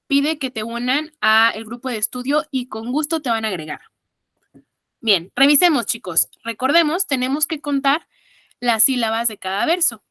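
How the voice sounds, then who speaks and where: A woman's voice: fairly high pitch, animated, normal speed, bright, forceful tone, no echo, clean studio sound. A woman with a Mexican accent teaching an online exam-prep class, counting syllables aloud and praising her students patiently.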